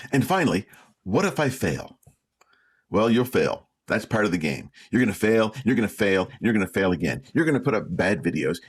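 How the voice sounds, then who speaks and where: Lively low-voiced man giving a pep talk. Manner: encouraging, repeats key phrases for emphasis; plainspoken, teasing rhetorical questions. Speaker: vlog host. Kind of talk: motivational talk to camera.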